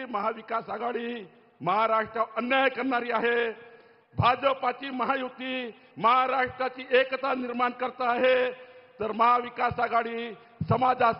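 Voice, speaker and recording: Male rally speaker, Marathi accent, emphatic yet flat intonation, dull reverberant sound. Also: very high-pitched. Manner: emphatic, repetitive slogan-like contrasts. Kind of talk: political rally speech. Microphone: public-address microphone.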